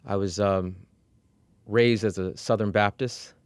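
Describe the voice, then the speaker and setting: A middle-aged man from Iran, working as an executive coach, telling his life story as a guest in a candid, measured way, with fillers and restarts. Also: lowish voice, fairly even intonation, clear, resonant tone, dry recording. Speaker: interview guest.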